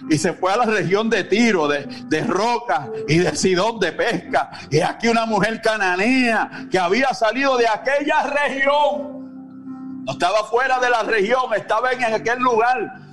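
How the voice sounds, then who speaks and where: Male pastor, very high voice, fiery sermon delivery, shouts and call-outs, faint music behind. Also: unhurried. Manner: exclamatory, calls out to listeners by name; bursts into shouts.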